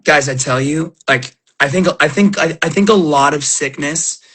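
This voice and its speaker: A middle-aged man chats with his viewers in a loose, rambling way, stopping and restarting as he tells emotional stories. His voice sits a little high for a man, and he is still recovering from an illness. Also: moderate pace, fairly bright tone, breathy edge. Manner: rambling, emotional storytelling with many fillers and restarts. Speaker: livestream host opening trading cards. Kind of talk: casual chat to viewers.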